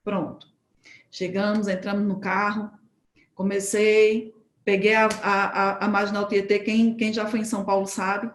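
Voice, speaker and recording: A woman preaching at a church home group, telling a testimony as a lively story and acting out the dialogue. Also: medium pitch, measured pace, roomy sound. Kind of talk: sermon testimony told as a story.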